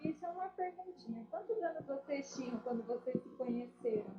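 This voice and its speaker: A woman's voice: high voice, expressive, brisk. A woman hosting an interview, enthusiastic as she questions her guests. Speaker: host. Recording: dull lo-fi sound.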